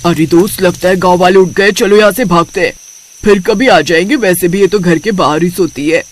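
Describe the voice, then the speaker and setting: A man's voice: high-pitched, fairly quick, slight background noise, voice pushed down, natural voice. Brief: man playing a sneaky woman in a hurry, urgent. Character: sneaky woman urging friends to flee.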